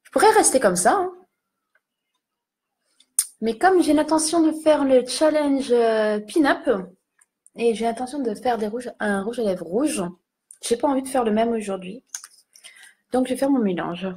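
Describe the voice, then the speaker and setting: Here the beauty vlogger's voice is a little high and mellow, a bit slow, with frequent pauses. She's a young woman casually chatting through a makeup tutorial, self-deprecating as she addresses viewers and applies lipstick.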